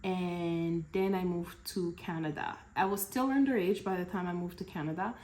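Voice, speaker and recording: A young woman from Cameroon answering questions in a relaxed, chatty vlog, laughing between answers. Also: fairly low pitch, normal speed, echoey room. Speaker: vlogger. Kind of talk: casual Q&A vlog.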